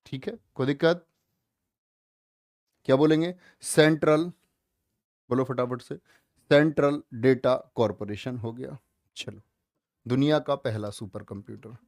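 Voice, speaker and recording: A man teaching a live online class, loud and emphatic, drilling students with repeated questions. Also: medium pitch, measured pace, pauses often, dry recording, studio quality.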